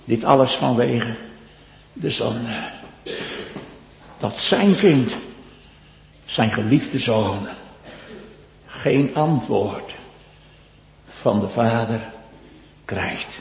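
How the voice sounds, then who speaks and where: A male pastor preaching a sermon, slow and solemn, his voice swelling loud and then dropping to a hush. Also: mid-range voice, lively intonation, gravelly. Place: church. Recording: echoey church with long reverb.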